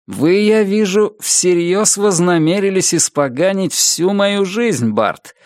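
A man's voice: a little high, animated, normal speed, no echo, studio quality, close to an everyday voice. A man doing a curt, resentful young man. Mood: bitter. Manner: clipped, bitter, spoken through teeth.

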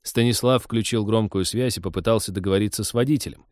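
A man narrating a science-fiction audiobook in a wry, even storytelling manner. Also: on the low side, fast talker, no echo, studio quality.

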